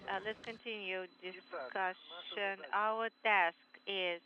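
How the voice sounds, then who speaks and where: A man on a crackly space-to-ground radio link, talking slowly and methodically as a crew member working through a task. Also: high voice, lo-fi sound. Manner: slow, flat, methodical. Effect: crackly space-to-ground radio transmission.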